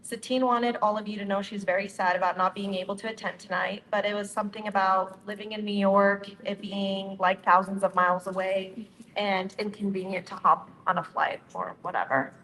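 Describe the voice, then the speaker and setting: A young woman from Utah, United States, co-founder of a nonprofit, gives a friendly, upbeat prepared speech to a community gathering, addressing the crowd directly. Her medium-pitched voice is fairly bright, with fairly even intonation and a brisk pace, recorded in a reverberant hall with faint ambient noise.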